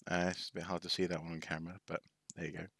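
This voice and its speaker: Man from North Wales, very low pitch, bright edge, casual rambling live stream, hesitant, dry close sound. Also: level tone, racing, gravelly, dry recording. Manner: hesitant, lots of ums and restarts, wry asides. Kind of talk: casual rambling show-and-tell.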